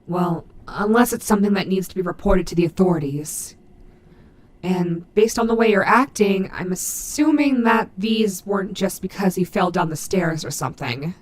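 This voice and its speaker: A woman voicing a gruff but maternal animatronic wolf in an audio roleplay, fiercely protective, with halting, earnest, emphatic delivery. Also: medium pitch, natural voice. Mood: reassuring. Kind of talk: dramatic audio roleplay addressed to the listener.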